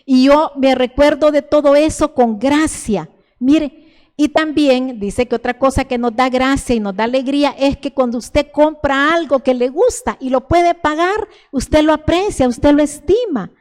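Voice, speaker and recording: Preaching to her church in a fairly high, slightly mellow voice, an older woman from El Salvador speaks with a Salvadoran Spanish accent at a measured pace. She is fervent and repetitive, stumbling into frequent restarts, while the hall's long reverb rings around her.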